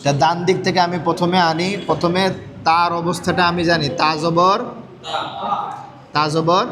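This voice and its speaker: A man's voice: high-pitched, flat delivery, moderate pace, a crowd in the background. A man teaching a Quran reading class, asking his students questions and repeating their answers. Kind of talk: classroom lesson.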